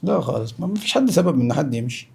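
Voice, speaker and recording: An Egyptian man speaks as an interview guest in natural, unscripted talk. His voice is heavily creaky and rather husky. He insists on his points, restating them at a very rapid pace. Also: fairly high pitch, animated, darkish tone. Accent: Egyptian Arabic. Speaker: interview guest, former professional footballer.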